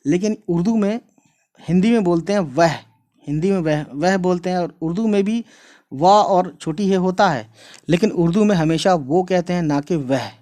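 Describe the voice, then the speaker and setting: A man's voice: sits high, normal speed, mellow. A man teaching an Urdu lesson online, explaining patiently and repeatedly, checking in with viewers and calling them guys. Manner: addresses viewers casually as guys.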